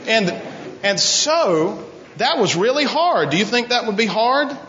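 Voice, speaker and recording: High-voiced man giving a children's sermon. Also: fairly bright tone, slight background noise. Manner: asks children questions, call and response. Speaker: children's minister. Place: church sanctuary with a balcony. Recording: dull lo-fi recording, long church reverb.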